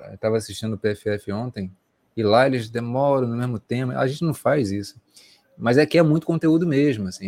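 A Brazilian Portuguese-accented man co-hosting a sports talk show rambles through a casual wrap-up at the close, with plenty of fillers. His mid-range voice has a darkish tone and no echo.

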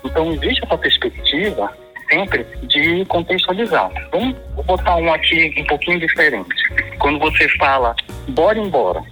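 A man's voice: fairly high pitch, big pitch swings, moderate pace, sharp tone, faint music behind, poor audio. A man with a Paraense Brazilian Portuguese accent, explaining regional slang at length in a casual chat. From Pará, Brazil. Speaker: guest discussing slang.

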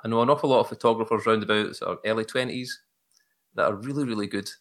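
A man with a thick Glaswegian accent chatting casually in a podcast conversation, relaxed and quick to laugh. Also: on the low side. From Scotland.

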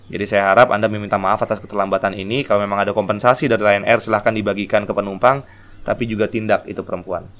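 A man's voice: on the low side, steady tone, very fast, a bit bright. A man telling a casual anecdote, acting out dialogue with animation. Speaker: storyteller.

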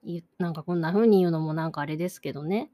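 A woman's voice: deep voice, fast talker, dark tone. A woman, the host of a solo talk show, musing thoughtfully and searching for words, sometimes dropping to a near whisper. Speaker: podcast host. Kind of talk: reflective solo talk about an art exhibition.

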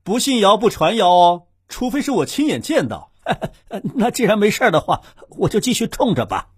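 A man voicing a good-humored, teasing father in a children's audio drama, spinning tales in a lively way. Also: high voice, normal speed, breathy edge, no echo, clean studio sound, exaggerated voice. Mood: amused.

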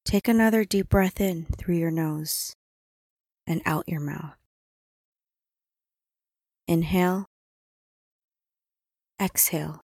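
A woman guiding a relaxing body-scan meditation in calm, soothing instructions with long pauses. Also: lowish voice, vocal fry, no room sound, studio quality. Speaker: meditation guide.

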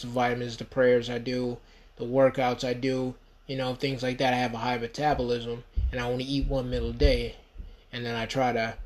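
In a mid-range, darkish voice, a man in his thirties from the United States carries his podcast solo. His talk wanders and pushes hard, full of "you know" fillers.

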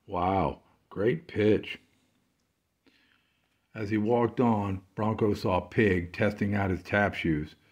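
Slow low-voiced man reading a storybook. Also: fairly even intonation. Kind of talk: storybook narration.

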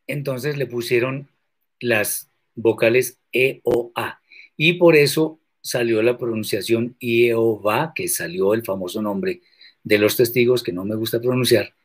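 A religious teacher with a medium-pitched voice teaches scripture in a measured, deliberate way. He answers viewer questions and drives his points home with sharp questions.

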